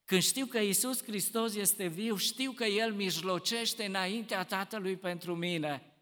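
A man preaching a sermon with passion, moving between hushed, slow stretches and loud, emphatic ones. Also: high-pitched, long reverb tail.

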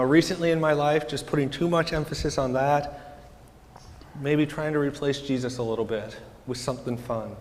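A man co-leading a conversational homily, earnest and gently teasing as he asks questions. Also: fairly high pitch. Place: large church. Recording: reverberant church hall.

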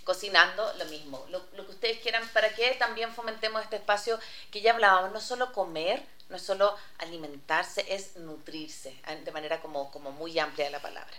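A woman's voice: lowish voice, a little fast, pushed and bright. A woman co-hosting a parenting talk show, chatty, with many fillers and restarts. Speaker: co-host. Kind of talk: casual radio talk.

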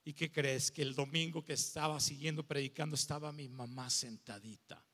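Mexican pastor, middle-aged man, bright voice, emotional sermon, swings loud to hushed, long church-hall reverb. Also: fairly high pitch, fairly even intonation, moderate pace. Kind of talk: sermon testimony.

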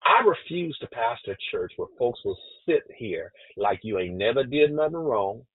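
Man, pastor, sermon, repeats words, husky, tinny phone sound. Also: mid-range voice, very animated, moderate pace, dry recording. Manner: preaching with stammered repetitions and call-outs to the congregation.

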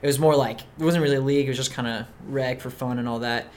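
A young man raised in Mexico City, a soccer player appearing as a podcast guest, talks in a relaxed, casual interview with lots of fillers like "um" and "like." His mid-range voice moves fast, with a little hiss or hum in the recording.

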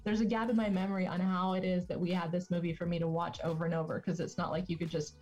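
Low, mellow-voiced woman chatting as a guest. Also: little pitch movement, quick pace, soft background music. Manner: chatty, laughing storyteller. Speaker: podcast guest. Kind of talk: casual conversation. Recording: dull lo-fi podcast audio.

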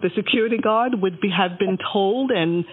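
A woman hosting a podcast, chatting casually, with dry teasing and deliberate lists of details. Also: medium pitch, slightly rough. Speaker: podcast host. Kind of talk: casual phone chat. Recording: tinny phone line.

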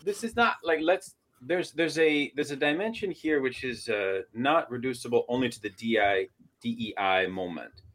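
A man's voice: medium pitch, moderate pace, fairly bright tone. A man from Portland, Oregon, co-hosting a casual political discussion, talking in a hesitant, analytical way. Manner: hesitant, analytical, restarts a lot. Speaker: podcast co-host.

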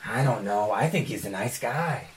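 A man's voice: fairly low pitch, lively intonation, normal speed, slight background noise, natural voice. A man voicing a breezy, chummy, innocent-sounding prisoner who wants to be everyone's friend, in a tabletop game. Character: breezy, over-friendly captive claiming to befriend everyone. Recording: echoey room.

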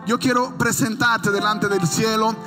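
A man's voice: sits high, little pitch movement. A middle-aged man preaching a sermon in church, building emphatic, stressed lines and shifting into casual storytelling, with faint music behind. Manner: tells a family anecdote in quick, casual storytelling. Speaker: pastor.

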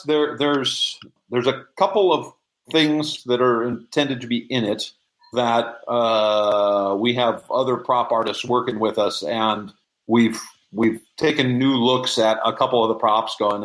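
As an interview guest, a prop and audio drama maker with a medium-pitched voice chats casually, frequently starting over and doubling up his phrases as he explains. The recording is rough.

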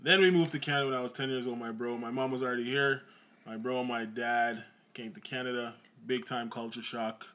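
Bright-voiced Jamaican-born man chatting. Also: mid-range voice, fairly even intonation, a little fast. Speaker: podcast co-host. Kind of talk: casual chat.

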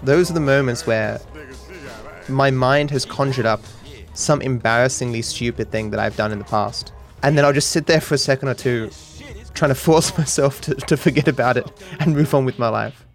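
A man streaming, rambling quickly and casually with self-deprecating asides. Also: medium pitch, faint music behind.

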